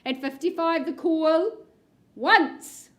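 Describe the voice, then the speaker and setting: A woman with a high voice runs a live auction. She calls the numbers unhurriedly in a bingo-caller manner, with playful, coaxing patter between bids. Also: slow pace. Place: room with bidders present.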